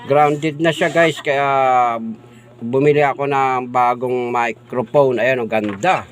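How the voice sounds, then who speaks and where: A middle-aged man vlogging about his new microphone. He talks slowly and loosely, tossing in the same filler phrases again and again. He runs through sound checks, sometimes from farther off the mic. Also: mid-range voice, fairly even intonation. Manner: chatty and repetitive, says "guys" and "oh, di ba" often. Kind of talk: casual unboxing vlog.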